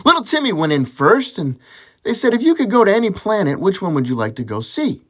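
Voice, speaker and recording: Casual joke-teller, male, lively up-and-down delivery, playful character voices. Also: a little fast. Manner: animated, voices characters with jumps in pitch.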